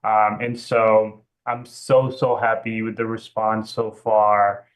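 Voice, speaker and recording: Guy from ethiopia on a video call, slow and halting, lots of uhs. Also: lowish voice, little pitch movement, low-quality recording. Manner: slow, hesitant, many fillers. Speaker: guest, anthology editor. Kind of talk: casual video call interview.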